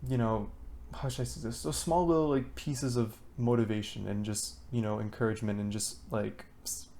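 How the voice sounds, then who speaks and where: A man's voice: lowish voice, fairly even intonation, normal speed, a little mellow. A teenage boy talking to a camera for his diary vlog, rambling with many fillers and restarts. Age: teens. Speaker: student vlogger. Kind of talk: diary-style talk to camera.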